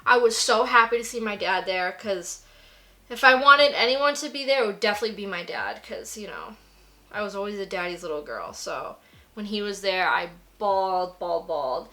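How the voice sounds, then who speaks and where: A young woman tells a story in a loose, chatty way while she works on her makeup, filling her sentences with "like". Her voice is bright and a little sharp. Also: medium pitch, animated, normal speed. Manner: gushing, filler-heavy with frequent "like". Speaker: beauty vlogger.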